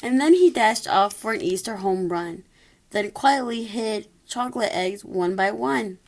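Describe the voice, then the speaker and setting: A woman's voice: medium pitch, lively intonation, a little slow, slight background noise. A woman reading a rhyming children's story aloud expressively, occasionally stumbling over a word. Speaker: storybook reader.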